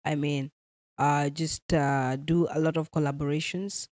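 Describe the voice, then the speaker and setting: In a clean studio recording without echo, a young Kenyan woman with a low-pitched voice and a Kenyan accent speaks a little slowly. She's a gospel musician and native Swahili speaker, animated as a casual interview guest and slipping Swahili phrases into her talk.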